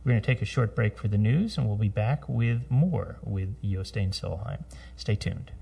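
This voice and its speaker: A man hosting a radio interview, reading introductions and sponsor credits in a measured announcer manner. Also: fairly low pitch, gravelly, mellow, distant mic. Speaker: radio show host.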